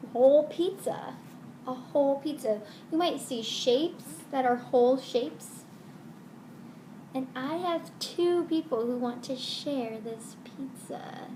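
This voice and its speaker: A woman's voice: high voice, slow, pauses often, warm tone. A woman teaching young children math in the simple, sing-song manner of a kids show host. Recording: roomy echo with faint noise.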